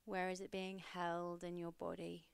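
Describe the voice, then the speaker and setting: A young woman hosting a podcast, leading a guided meditation in a slow, soothing, steady way. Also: lowish voice, gravelly, clean tone, no room sound.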